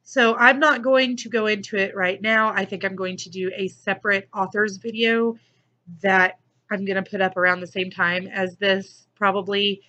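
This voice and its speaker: A woman's voice: mid-range voice, fairly even intonation, moderate pace, sharp tone, highs cut off. A woman giving a casual, gushing book review in an effusive, enthusiastic manner.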